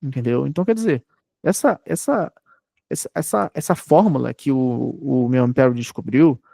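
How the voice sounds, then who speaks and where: Brazilian man teaching with a gravelly voice. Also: medium pitch, moderate pace, dark tone, dry recording, clean studio sound. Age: 30s. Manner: explanatory, checks in often with rhetorical tags. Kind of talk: online lecture.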